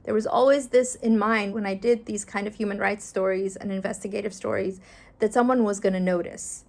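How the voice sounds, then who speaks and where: A middle-aged Afghan woman who works as a journalist gives reflective interview answers, speaking earnestly and thoughtfully with some fillers. Her voice is mid-range, creaky, and somewhat dark, and she keeps a steady tone at a brisk pace.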